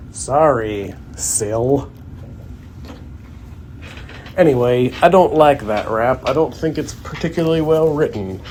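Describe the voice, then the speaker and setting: A man's voice: on the low side, a little mellow, a little hiss or hum. A man, a young adult guest comedian, delivering a sarcastic, grumbling comedic rant.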